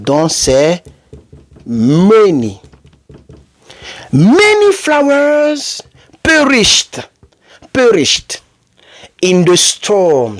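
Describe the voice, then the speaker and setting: A man's voice: fairly high pitch, a little mellow. A man teaching an English lesson, explaining patiently and repeating words, his voice jumping up when he reads out example sentences.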